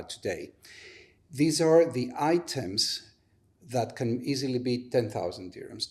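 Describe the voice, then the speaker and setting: Man, podcast guest, startup co-founder, methodical explainer, middle pitch, uses everyday examples. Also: a little mellow. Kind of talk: explaining a business model in an interview.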